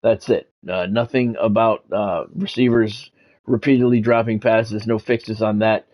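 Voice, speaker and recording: A middle-aged man streams a sports video game, chatting casually and giving blunt, sardonic play-by-play. His lowish voice holds a steady, darkish tone at a measured pace.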